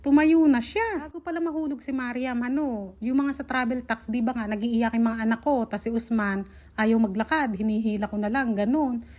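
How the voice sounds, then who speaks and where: This is a young woman from the Philippines with a high voice, recounting a hard trip to her viewers. She talks in a casual, animated way and keeps acting out the people she spoke with. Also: normal speed. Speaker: vlogger telling her travel story.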